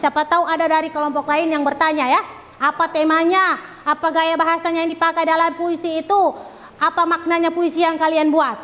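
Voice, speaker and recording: High-voiced woman teacher in a classroom. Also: level tone, a little fast, fairly bright tone, in a large hall. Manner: directive, checks on students often. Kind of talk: classroom instruction.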